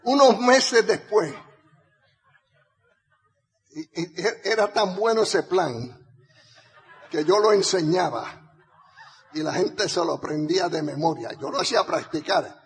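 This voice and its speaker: High raspy older man in hall. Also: a little slow, long pauses. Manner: animated, builds to rallying shouts, laughs often. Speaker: motivational speaker. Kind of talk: storytelling speech to an audience. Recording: reverberant hall.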